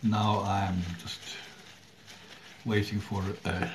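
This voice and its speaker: Slow, low-voiced man. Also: little pitch movement. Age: middle-aged. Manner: halting, with long pauses and throat clearing. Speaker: vlogger. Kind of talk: casual talk to camera. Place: small room at home indoors. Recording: clearly audible background noise.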